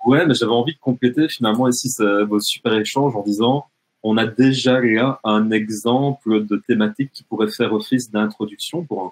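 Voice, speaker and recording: Husky man. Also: medium pitch, darkish tone, low-quality recording. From French-speaking Canada. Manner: hesitant, many fillers and restarts. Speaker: education webinar presenter. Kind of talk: explaining on a live webinar.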